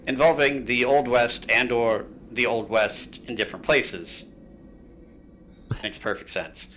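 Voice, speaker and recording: A man's voice: mid-range voice, fairly bright tone, a little hiss or hum, poor audio. A man running a tabletop horror game, recapping the story in casual livestream chat, joking and rambling with lots of filler sounds. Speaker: game master.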